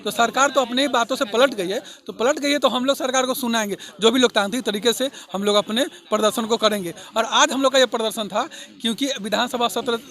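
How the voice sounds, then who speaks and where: High, bright, fast-talking man. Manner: forceful, rhetorical, pleading. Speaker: protesting teacher candidate. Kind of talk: impassioned street interview. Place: street protest outdoors.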